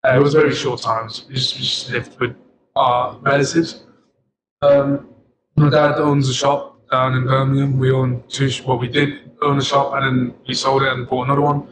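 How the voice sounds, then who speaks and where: A man's voice: mid-range voice, flat delivery, moderate pace. Rambling young man, noisy recording. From Sri Lanka. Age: young adult. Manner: rambling, laughs often. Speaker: podcast co-host, chemistry student. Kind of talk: casual chat.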